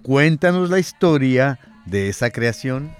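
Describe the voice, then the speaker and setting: A man hosting a radio interview, asking questions in a measured, formal way. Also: mid-range voice, lively intonation, clear, resonant tone, faint music behind. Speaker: radio host.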